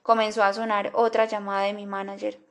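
A woman reads an audiobook in a somber, measured way. Her pitch stays flat and narrow throughout. The voice sits in an ordinary middle register. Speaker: audiobook narrator. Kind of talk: audiobook narration.

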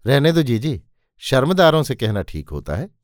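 A man voicing a quick-tempered, bitter middle-aged mother in a spoken story, scolding her son and his wife. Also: medium pitch, sing-song, no room sound, clean studio sound, natural voice.

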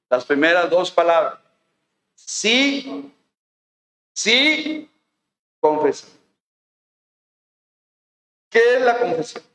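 A man's voice: on the high side, a bit bright, echoey room, rough recording. A man with a Mexican accent preaching a sermon as a pastor, folksy and conversational, full of rhetorical questions. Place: church.

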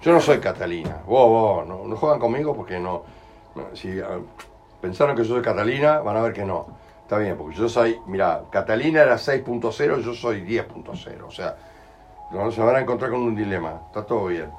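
A man's voice: lowish voice, animated, fairly quick, a little mellow, slight background noise, rough recording. A man with a Uruguayan Spanish accent leading an in-person healing talk, explaining with acted everyday examples and frequent checks for understanding. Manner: colloquial, explains with acted examples and asks ¿entendés?. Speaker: healing workshop leader. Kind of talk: in-person talk to a small group.

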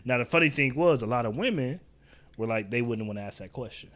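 A man on a podcast patiently laying out a hypothetical, earnest and talkative. His voice is mid-pitched and ordinary. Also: expressive, fast talker, a bit bright. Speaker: podcast co-host. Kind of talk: casual chat.

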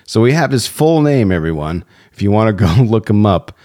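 Young guy on a podcast, fairly low voice, reads listener reviews out loud and keeps chuckling, easygoing. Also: very animated, moderate pace. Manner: laughs often while reading reviews aloud. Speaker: podcast co-host. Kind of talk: casual chat reading listener reviews.

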